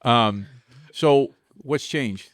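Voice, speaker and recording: A man's voice: medium pitch, extremely slow, a bit bright, no echo, clean studio sound. A man hosting a podcast, teasing his guests and asking them questions. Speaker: podcast host. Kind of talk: casual podcast chat.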